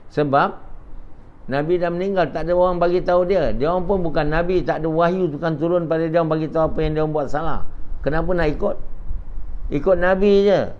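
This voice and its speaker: A man's voice: on the high side, steady tone, quick pace. Older man giving a talk. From Malaysia. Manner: conversational, rhetorical questions, quoted dialogue. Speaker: preacher. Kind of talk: after-dawn religious lecture. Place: home prayer gathering. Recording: dull lo-fi recording, faint noise.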